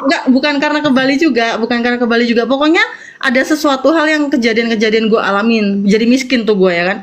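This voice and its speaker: A woman's voice: on the high side, quick pace. A woman, a guest in a casual chat, telling a personal story in slangy talk and often repeating herself.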